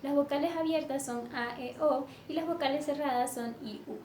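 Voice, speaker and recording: High-voiced woman explaining a lesson. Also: a little mellow. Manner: measured, uses fillers "este" and self-corrections. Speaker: teacher. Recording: echoey room with faint background noise.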